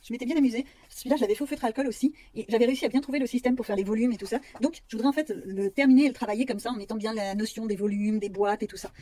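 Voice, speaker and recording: A woman's voice: a little high, steady tone, very fast, hardly any pauses, dark tone. A woman vlogger chatting casually about her coloring books, self-mocking and rambling with fillers.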